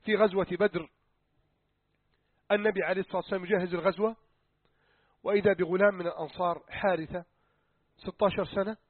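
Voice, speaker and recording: High-voiced fast-talking male preacher, tinny sound. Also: fairly even intonation, no echo. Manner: emphatic, swings between loud urgency and hushed tones. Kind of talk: dramatic sermon storytelling. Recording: tinny phone-like dry recording.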